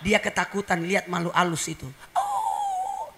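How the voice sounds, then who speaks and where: A man's voice: sits high, normal speed, bright, forceful tone. A man preaching a humorous sermon, telling a story and acting out voices and animal sounds for the congregation. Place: religious gathering.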